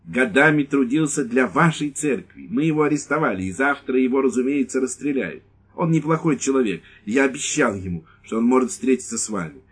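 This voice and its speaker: A man's voice: mid-range voice, brisk, husky, pitched above the performer's own voice, lightly acted. A man voicing a stern, grim police lieutenant. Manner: stern, commanding.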